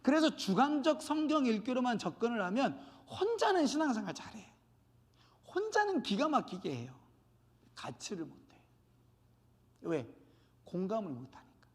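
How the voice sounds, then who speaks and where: A male pastor preaching a sermon, animated and acting out quoted dialogue. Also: sits high, long reverb tail. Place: church sanctuary.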